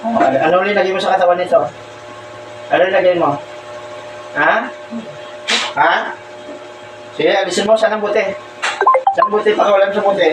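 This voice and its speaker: A man's voice: high voice, fairly even intonation, fairly quick, pauses often. A man acting as a folk healer who questions someone during a healing ritual, repeating short demanding questions again and again. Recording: echoey, distant, with loud ambient noise.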